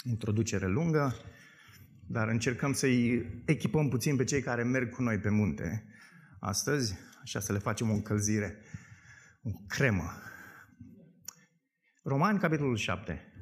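A man's voice: medium pitch, lively intonation, long pauses. A male pastor preaching a sermon to a congregation, emphatic, asking them questions as he goes.

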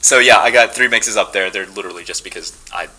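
A young man, an actor, talking casually as a podcast guest, relaxed and chatty with many fillers and restarts. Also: lowish voice, fast talker, slightly rough, rough recording.

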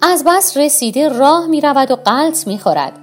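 A woman's voice: high voice, lively intonation, soft background music, voice pushed up. Brief: selfish grabby housewife, storybook, insistent, voiced by a woman. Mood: gushing. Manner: bossy, insistent.

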